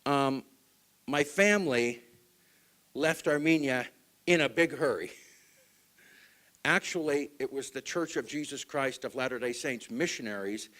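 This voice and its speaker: Man giving a talk with dramatic hushes. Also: medium pitch, unhurried, pauses often. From Utah. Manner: dramatic swings between loud and hushed; asks the audience questions. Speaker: speaker at a group meeting. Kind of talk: public talk to an audience.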